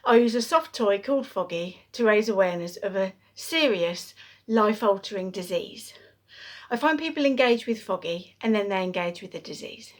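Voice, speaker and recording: A woman speaking earnestly to camera in an advocacy vlog, out of breath, pausing and restarting as she talks. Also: mid-range voice, expressive. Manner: earnest, pauses and restarts mid-sentence. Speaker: awareness campaigner.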